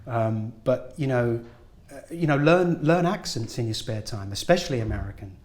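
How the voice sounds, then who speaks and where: A man talks through earnest, encouraging advice as an interview guest. His voice sits at an ordinary pitch. The room around him is roomy and echoey. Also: animated, moderate pace, a little mellow. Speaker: guest actor. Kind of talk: casual interview talk. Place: film studio at a school event.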